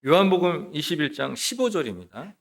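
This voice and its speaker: Expressive male pastor preaching a sermon. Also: on the high side, a little fast, vocal fry. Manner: rhetorical questions, answering himself; swings between loud emphasis and soft near-whispers. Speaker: associate pastor. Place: church sanctuary.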